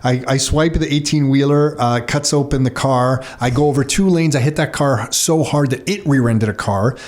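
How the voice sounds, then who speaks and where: A man's voice: mid-range voice, normal speed, darkish tone. A man hosting a podcast, asking questions casually and telling a long personal story with casual swearing. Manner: curious, rambling, swears casually. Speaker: podcast host. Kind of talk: casual interview.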